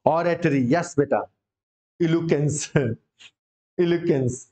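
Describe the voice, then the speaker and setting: A man's voice: a little high, fairly even intonation, slow pace, warm tone. A male English vocabulary teacher, drilling words with students in a casual, encouraging coaching-class manner. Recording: dull lo-fi sound.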